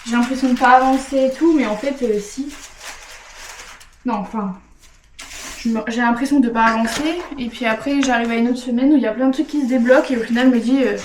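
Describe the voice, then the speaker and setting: A woman's voice: fairly high pitch, steady tone, fairly quick, slight background noise, poor audio. A woman chatting informally to her viewers in a casual, self-deprecating vlog style. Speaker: small business vlogger.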